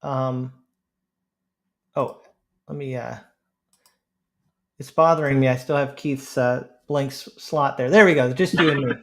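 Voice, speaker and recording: A man's voice: mid-range voice, unhurried, long pauses, fairly bright tone. A man co-hosting a casual discussion, thinking aloud earnestly as he makes his point. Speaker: podcast co-host.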